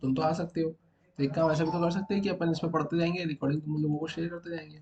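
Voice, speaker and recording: A man's voice: fairly high pitch, steady tone, racing, darkish tone, lo-fi sound, slight background noise. A man teaching a programming class to students in the room, explaining step by step and often asking whether everyone has understood. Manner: explains step by step, keeps checking if students follow. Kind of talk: classroom coding lecture.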